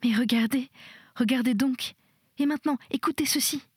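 A woman's voice: mid-range voice, normal speed, a little mellow, slightly rough, dry recording, studio quality, pitched above the performer's own voice. A woman reading a storybook voices a frightened, fragile young woman who cries out in terror and pleads desperately. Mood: terrified.

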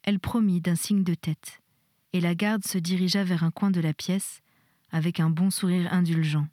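Low-voiced woman reading a story aloud. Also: fairly even intonation, moderate pace, warm tone, dry recording, studio quality. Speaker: audiobook reader. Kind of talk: storybook narration.

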